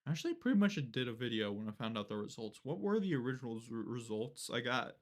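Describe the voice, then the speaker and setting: A man's voice: mid-range voice, sing-song, quick pace. A young man live-streaming, chatting casually and rambling with lots of fillers and casual swearing. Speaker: livestreamer.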